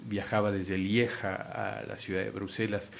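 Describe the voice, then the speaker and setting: A man with a gravelly, lowish voice hosts an interview at a moderate pace. Lively in manner, he switches languages mid-sentence while introducing his guest and asking questions.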